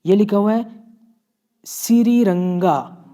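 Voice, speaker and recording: In a classroom-style vocabulary lesson, a Pakistani man with an Urdu accent teaches Korean words, patiently repeating each one and checking in often. His voice sits high, with a warm tone and an unhurried pace.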